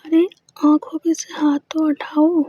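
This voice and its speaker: A woman's voice: high-pitched, little pitch movement, a little slow, mellow. A woman voicing a confident, teasing young woman lover in whispered role-play, coaxing with playful murmurs. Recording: dull lo-fi recording.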